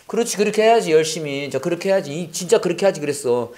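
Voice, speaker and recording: A man, a pastor, teaching Bible memorization in English. He recites verses very slowly for repetition and quizzes his students with quick questions in between. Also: fairly high pitch, animated, a little mellow. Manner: slow drilled English recitation between quick Korean explanation. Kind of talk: call-and-response Bible English lesson.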